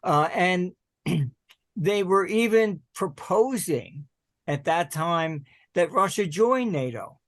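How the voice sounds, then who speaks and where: An older American man speaks as a guest on an interview show, with a voice pitched somewhat high for a man. He talks in halting, digressive runs and keeps clearing his throat. The recording is dry and close, with no room sound. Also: expressive, no echo. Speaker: guest, market analyst. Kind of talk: conversational interview.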